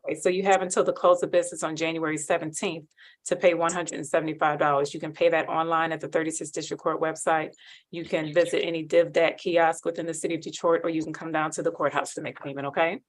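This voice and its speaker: Brisk low-voiced woman judge, courtroom recording. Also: little pitch movement. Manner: brisk, formal, reads procedure by rote. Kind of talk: formal court proceedings. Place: district court hearing.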